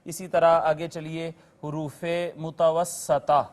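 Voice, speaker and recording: A man's voice: fairly high pitch, flat delivery, a little mellow. A man teaching a Quran course, patiently explaining letters and recitation rules, addressing viewers politely and repeating key terms with their meanings.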